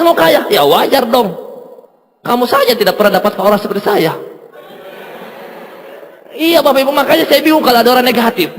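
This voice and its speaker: A man telling a motivational story to a seminar audience, animated, laughing often and acting out the dialogue. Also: very high-pitched. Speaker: guest speaker at a business seminar. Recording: long reverb from a hall.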